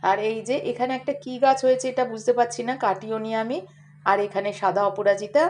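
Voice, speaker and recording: A middle-aged woman with a hoarse, coughing voice, chatting straight to her viewers in a casual daily vlog. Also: a little high, brisk, darkish tone, a little hiss or hum. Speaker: vlogger.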